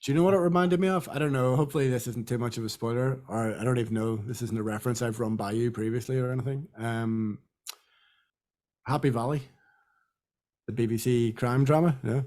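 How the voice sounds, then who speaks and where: A man's voice: medium pitch, fairly quick, a little mellow. A young man from Britain, a podcast co-host talking casually and rambling with many fillers. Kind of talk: casual chat.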